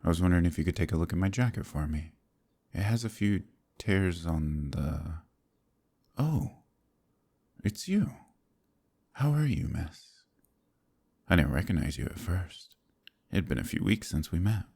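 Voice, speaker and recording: In this dramatic ASMR roleplay monologue, a male voice actor plays a haunted, polite gentleman concealing that he's a werewolf, coming across as courteous but awkward. His voice is extremely deep and dark, gravelly with fry, husky and sometimes breathy, with lively intonation and an exaggerated delivery. He speaks softly, haltingly and in old-fashioned phrasing.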